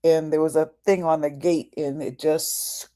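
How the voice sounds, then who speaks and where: A woman's voice: sits low, fairly even intonation, measured pace, dark tone. A woman hosting a live talk for her viewers, putting questions to them and calling them y'all in a casual, preachy way. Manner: preachy, asks the audience questions; casual, addresses listeners as y'all. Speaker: host. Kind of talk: livestream talk to an audience.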